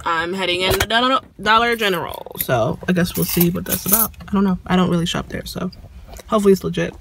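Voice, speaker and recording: A young woman chatting casually to her phone camera as a vlogger, telling stories with lively animation, from inside her car and while out shopping. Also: lowish voice, quick pace, vocal fry, over loud music. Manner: chatty, animated storytelling with laughs. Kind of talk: casual vlog chat. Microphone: phone camera held close. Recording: noisy phone recording.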